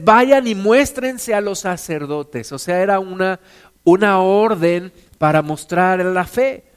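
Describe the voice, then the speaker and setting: A man preaching a sermon to his congregation, calling them sisters and brothers and acting out the quotes he tells with a raised voice. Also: high voice. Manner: acts out quotes with raised, shouting voice.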